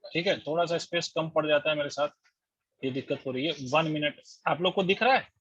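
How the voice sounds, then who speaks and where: A man's voice: on the high side, a little fast, a bit bright, husky, dry recording. A man teaching physics in an online class, working through the steps and quizzing his students as he goes. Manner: explains step by step, quizzes students, mixes English terms into Hindi. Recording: dull lo-fi dry audio.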